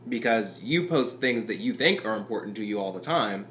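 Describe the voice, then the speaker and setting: A man's voice: fairly low pitch, animated, a bit bright, slight background noise. A young man co-hosting a casual podcast chat with his partner, rambling and restarting his sentences. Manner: rambling, halting with many restarts. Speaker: podcast co-host.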